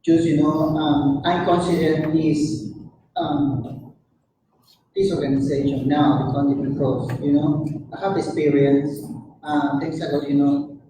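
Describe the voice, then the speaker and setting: Man from Peru, halting public comment. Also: fairly high pitch, steady tone. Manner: halting, many fillers. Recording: echoey hall from far off, noisy.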